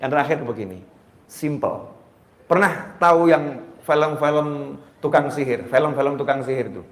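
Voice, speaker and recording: A man preaching a sermon, switching between loud calls and hushed asides. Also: a little high, a little slow, echoey room. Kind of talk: Islamic sermon.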